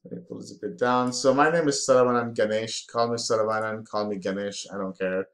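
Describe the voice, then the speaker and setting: A man's voice: lowish voice, fairly even intonation, quick pace, reverberant. A man in his forties, from India, giving a casual, filler-heavy screen-share tutorial on online marketing.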